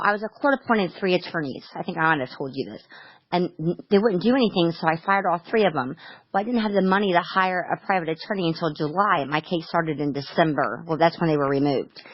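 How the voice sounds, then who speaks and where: A woman's voice: lowish voice, no room sound, lo-fi sound. A middle-aged woman talking casually on the phone about her sons, rambling with many restarts and stammers. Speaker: mother on a phone call.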